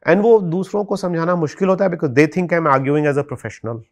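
A man's voice: fairly high pitch, expressive, racing. A man in his fifties with an Indian English accent, a guest speaking earnestly and emotionally in a studio interview, slipping into Hindi now and then. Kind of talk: reflective interview conversation. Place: studio set with sofas.

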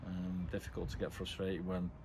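A middle-aged English man, a football manager, giving a blunt, measured post-match interview outdoors at night, with frequent ums. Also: deep voice, monotone. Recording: outdoor noise behind.

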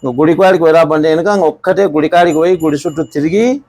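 A man tells his stories quickly and vividly in a raised voice. He speaks like a rural farmer, acting out other people's words. He is recorded close up, in a dry sound with no echo. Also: on the high side, darkish tone. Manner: rapid rural storytelling, re-enacts quoted speech. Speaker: bull owner and farmer. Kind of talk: storytelling in an interview.

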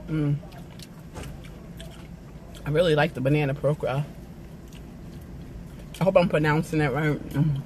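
A man's voice: a little high, steady tone, a little slow, long pauses, a little mellow. A man food vlogging from his car, talking with his mouth full and humming as he savors each bite. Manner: chatty, savoring with murmured hums. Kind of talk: casual mukbang vlog. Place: inside a parked car. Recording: car interior with clear background noise.

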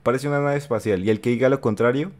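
A young reaction streamer with a Colombian accent talks fast in a medium-pitched, darkish voice, joking and chatting as he reacts to a video. He sits close to a studio mic on an arm in his bedroom.

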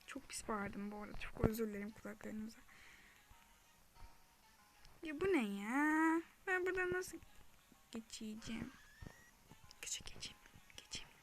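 A woman's voice: on the high side, expressive, moderate pace, pauses often, fairly bright tone, faint music behind. A young woman chatting through her own gameplay for a gaming channel, often dropping into whispers and yelping when chased. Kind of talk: casual gameplay commentary.

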